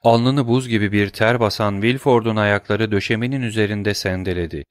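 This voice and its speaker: Male audiobook narrator, lowish voice, dry close sound, steady measured delivery. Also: dry recording. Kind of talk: dramatic novel reading.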